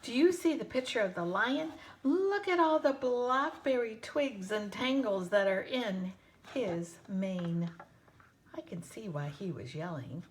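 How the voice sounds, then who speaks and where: A woman teacher reading a children's book aloud to her students, pausing to ask them questions and often dropping to a whisper. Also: medium pitch, expressive, a little hiss or hum.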